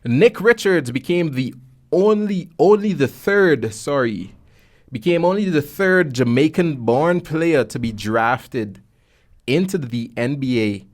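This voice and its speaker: A young man from Guyana hosts a podcast, his Caribbean-accented voice on the high side, lively in intonation and slow. Sitting close to a boom-arm studio mic, he presents and interviews casually with jokey slang.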